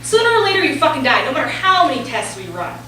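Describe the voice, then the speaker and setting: A woman's voice: high voice, very animated, fast, bright, forceful tone, full character voice. A woman playing a brash, evasive oncologist in a staged play, with an emphatic, theatrical delivery. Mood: irate, impatient. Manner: theatrical, emphatic, switching to stiff medical jargon. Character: brash, foul-mouthed woman oncologist, evasive and clinical with patients. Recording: very echoey room, distant mic, faint noise.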